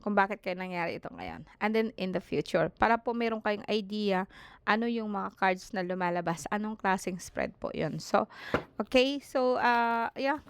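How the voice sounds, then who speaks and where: A hoarse woman giving a spiritual tarot reading, speaking politely and often ending phrases with a questioning "no?". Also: mid-range voice, lively intonation. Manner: polite, fills pauses with "no?". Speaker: tarot reader.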